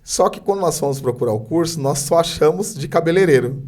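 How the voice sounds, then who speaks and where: A man with a Brazilian Portuguese accent tells his life story as a podcast guest. He speaks haltingly, restarts his sentences often, and is moved to tears at times. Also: a little high, animated, a little mellow. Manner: hesitant storytelling with many restarts. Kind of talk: emotional personal testimony.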